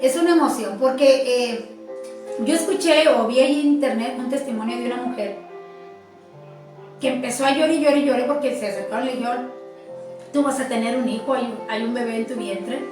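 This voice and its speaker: High-voiced woman telling faith stories. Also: fairly quick. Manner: animated storytelling, repeating words for emphasis. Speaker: church speaker. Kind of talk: faith talk with testimonies. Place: church. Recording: echoey room, distant mic, soft music.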